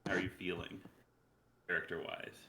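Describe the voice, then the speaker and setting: A man's voice: sits low, flat delivery, normal speed, echoey room, background noise. A man acting as game master, casually improvising narration and questions for a tabletop role-playing game.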